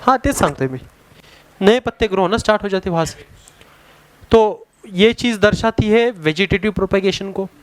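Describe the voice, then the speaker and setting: A man with an Indian accent teaching a science lesson to a class, mixing two languages, pausing to search for words. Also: sits high, slight background noise. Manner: explains in a Hindi and English mix, spells words out; halting, searches for words with many fillers.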